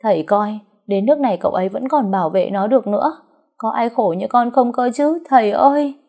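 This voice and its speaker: A woman's voice: mid-range voice, moderate pace, voice pushed up, natural voice. A woman voicing a brash, tipsy, scheming young wife who wails theatrically. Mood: fake wailing. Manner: loud, theatrical, wheedling wails.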